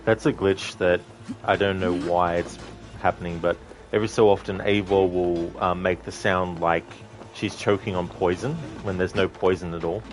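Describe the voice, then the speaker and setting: A man's voice: deep voice, fairly even intonation, moderate pace, over music. A man giving casual gameplay commentary in a dry, wry manner.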